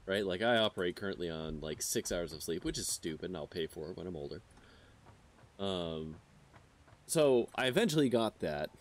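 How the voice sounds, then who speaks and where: While he plays on stream, a thirtysomething man rambles to his chat with plenty of filler words. He speaks at a normal pace in a low, expressive voice.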